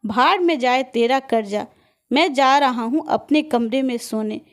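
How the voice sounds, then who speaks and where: A woman's voice: a little high, unhurried. Woman voicing an impatient, hot-tempered grown son. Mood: angry.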